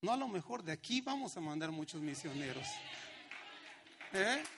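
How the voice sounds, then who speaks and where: Brief: middle-aged pastor, high voice with gravel, slow emphatic sermon delivery. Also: male voice, very animated, a crowd in the background, noisy background. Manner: preaching with slow emphatic lines and acted-out quotes.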